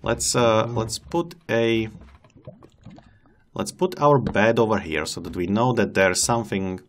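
With a fairly low, slightly slow voice, a let's-play host who isn't a native English speaker casually narrates his game. He chats to the animals and pokes fun at himself, with slight background noise behind him.

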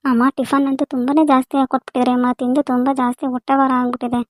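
A woman's voice: high voice, level tone, racing, no echo. A woman playing a married daughter visiting her parents in a family skit, speaking politely. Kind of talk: amateur village family skit.

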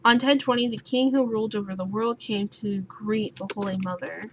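A woman's voice: mid-range voice, steady tone, fairly quick. Swearing young woman gaming, sleepy. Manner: swears often, exclaims, thinks aloud. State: sleepy, just woke up. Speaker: gaming YouTuber. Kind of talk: let's play commentary. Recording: noisy home recording with keyboard sounds.

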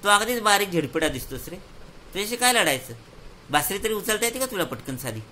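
A huge boastful demon scoffs at a small opponent, as a man voices him in a children's story. The voice sits a touch high and sounds bright and forceful, with a scornful, taunting manner. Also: sing-song, brisk, slight background noise, heavily acted. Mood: mocking.

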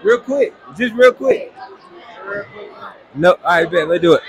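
A man's voice: sits high, lively intonation, measured pace, some chatter behind. Young man pushing blunt teasing questions. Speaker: vlogger interviewing students. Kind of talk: casual public interview. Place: busy school hallway and cafeteria, indoors. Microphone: handheld mic.

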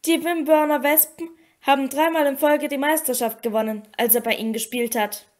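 A woman's voice: high voice, fairly even intonation, fairly quick, darkish tone, lightly acted. Woman voicing offhand teenage Ron. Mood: reassuring. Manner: offhand, reassuring. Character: easygoing teenage schoolboy.

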